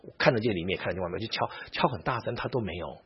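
A church elder tells a story in a sermon. He is animated, acts out quoted speech and often restarts his sentences. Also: lowish voice, racing, breathy edge. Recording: muffled lo-fi recording.

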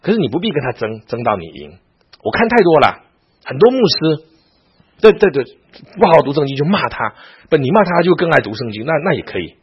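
Husky-voiced male pastor teaching a class. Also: fairly high pitch, big pitch swings, a little fast, highs cut off. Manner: storytelling with frequent rhetorical questions to the class. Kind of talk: Bible class lecture.

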